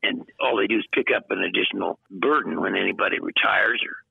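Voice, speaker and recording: Gravelly older man on a phone line. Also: low-pitched, dry recording. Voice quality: gravelly, husky. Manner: plain-spoken, folksy, halting. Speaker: interview guest, county prosecutor. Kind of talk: informal phone interview. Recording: tinny narrow phone line.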